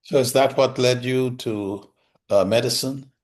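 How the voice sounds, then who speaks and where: A man's voice: medium pitch, fairly even intonation, unhurried. A man from Guyana hosting an interview, asking questions in a friendly, conversational way. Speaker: host.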